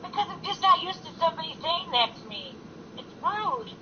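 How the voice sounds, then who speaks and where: A man chatting casually in a soft, offhand way, complaining about his day. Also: very high-pitched, big pitch swings, brisk. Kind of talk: casual chat. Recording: muffled, noisy distant audio.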